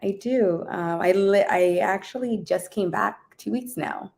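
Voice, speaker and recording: A woman from Jamaica, a guest DJ, chatting casually in an interview, relaxed and laughing often, trailing off with ums. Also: medium pitch, measured pace, gravelly.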